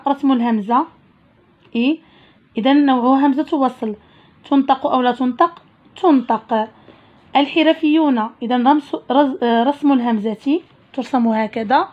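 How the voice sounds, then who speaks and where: Teacher, woman, high voice, patient step-by-step explaining, dull lo-fi sound. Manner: slow, explaining step by step with questions. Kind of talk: primary school Arabic lesson. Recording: dull lo-fi recording.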